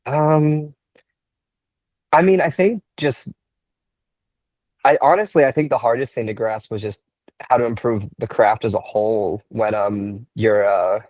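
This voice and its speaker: A young man in his twenties, a wrestler, answering interview questions in a relaxed way, thinking aloud with many fillers and restarts. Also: medium pitch, a little slow, pauses often, no room sound, dull audio. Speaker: wrestler, podcast guest.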